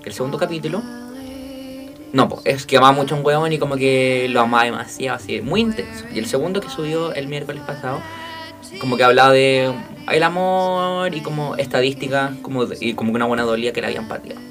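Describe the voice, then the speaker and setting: A man with a Chilean accent, chatting as podcast co-host and telling a story in a slangy, animated way. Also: mid-range voice, quick pace, over music. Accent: Chilean Spanish. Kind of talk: casual chat, storytelling.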